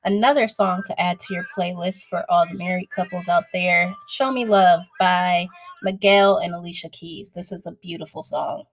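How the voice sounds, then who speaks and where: A woman's voice: fairly low pitch, fairly even intonation, normal speed. Chatty woman sharing song picks. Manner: chatty, upbeat, speaks directly to listeners. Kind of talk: casual chat. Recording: faint music in the background.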